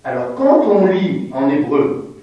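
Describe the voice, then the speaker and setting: Man, religious teacher, informal group lesson, slow patient explaining, slightly high voice, distant mic. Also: sing-song, highs cut off. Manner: slow, halting, explains patiently with many fillers. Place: indoor room with listeners. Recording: very echoey room, mic far off.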